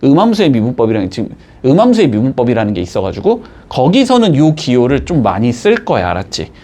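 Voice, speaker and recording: A man's voice: mid-range voice, huge pitch swings, quick pace, dark tone. A man teaching a math lesson in a classroom style, explaining step by step and constantly checking in with his students through short questions.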